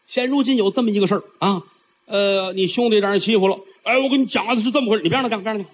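A man voicing an older dragon mother, a protective figure who gives brisk, indignant commands. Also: high voice, a little hiss or hum, voice pushed up, lightly acted. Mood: commanding. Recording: dull lo-fi recording.

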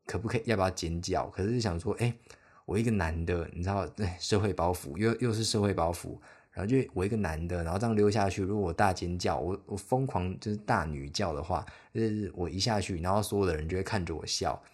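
Low-voiced young Taiwanese podcaster rambling. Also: male voice, quick pace, a little mellow, breathy edge. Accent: Taiwanese Mandarin. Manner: rambling, self-deprecating, chatty. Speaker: podcast host. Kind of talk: casual solo podcast storytelling.

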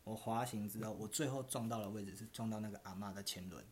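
A man's voice: fairly low pitch, fast, slight background noise. A man with a Taiwanese Mandarin accent, a podcast host telling a story in casual chat. He rambles, restarts his sentences and laughs at his own tale.

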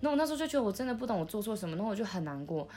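A young woman, recalling her past in a soft, halting way, with many restarts, as she hosts a podcast. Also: mid-range voice, sing-song, soft background music. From Taiwan. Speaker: podcast host. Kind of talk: intimate conversational storytelling.

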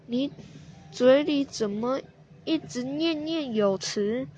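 A cheerful old grandmother, voiced by a woman storyteller in a storybook reading. She speaks softly and slowly. A faint hiss lies behind her. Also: high voice, muffled recording.

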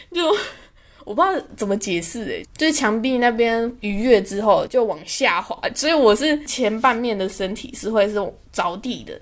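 A woman's voice: fairly high pitch, expressive, normal speed. A young woman, hosting a podcast and telling a story in a chatty, self-amused way. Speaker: podcast host. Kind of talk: casual storytelling monologue.

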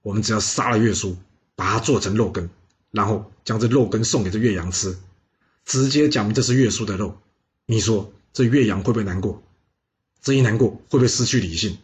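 A man's voice: lowish voice, fairly quick, pitched below the performer's own voice, natural voice. A man doing a scheming court minister. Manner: hushed, conspiratorial.

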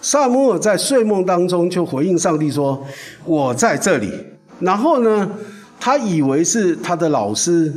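A male pastor preaching a sermon, telling a Bible story in an animated way. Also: sits high.

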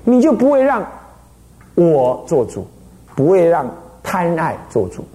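A man's voice: fairly high pitch, wildly swooping pitch, measured pace, mellow. An older man, a Buddhist abbot giving a dharma lecture in a teacherly way, often checking in with rhetorical questions.

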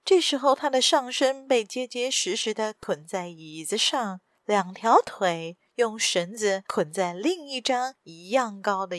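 A woman's voice: mid-range voice, no echo, studio quality. Woman narrating a story. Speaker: podcast storyteller.

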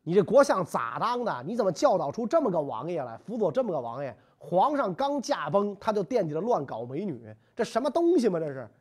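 A stern envoy of the court, exasperated and scolding. A storyteller voices him with lively rises and falls in a history podcast. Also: medium pitch, fairly quick, hardly any pauses, slightly rough.

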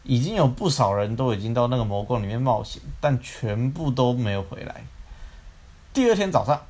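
A man's voice: medium pitch, expressive, brisk, darkish tone. A young man, telling a fairy tale in a loose, casual way and breaking off for joking, swearing asides. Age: young adult. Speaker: storyteller, podcast co-host. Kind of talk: casual bedtime storytelling with jokey asides.

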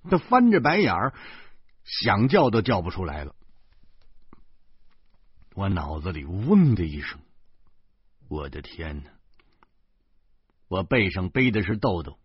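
A man telling a story in lively, dramatic Beijing colloquial speech, with a Beijing accent. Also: on the low side, a little slow, husky, no room sound. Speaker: audiobook narrator. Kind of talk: storytelling narration. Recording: muffled, dry close recording.

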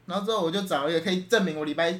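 Fast-talking young man telling a story. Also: high-pitched, fairly bright tone, a little hiss or hum. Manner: rambling storyteller, many restarts, laughing through the story. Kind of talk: casual chat.

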